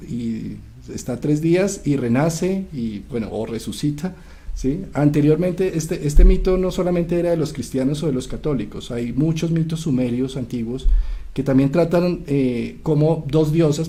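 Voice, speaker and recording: A psychiatrist retelling an ancient myth in an animated, lecture-like way, often pausing to check that his listener follows. His voice is warm and mellow at a middling pitch. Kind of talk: lecture-style storytelling.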